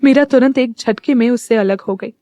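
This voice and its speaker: A woman narrating an audio story in a measured, scripted storytelling voice. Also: fairly high pitch, dark tone, no echo, clean studio sound.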